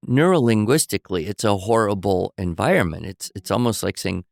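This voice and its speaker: Man, podcast co-host, storyteller, gravelly voice, fairly low pitch. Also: lively intonation, a little fast, dry recording. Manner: storytelling, acts out quoted voices. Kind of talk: conversational podcast discussion.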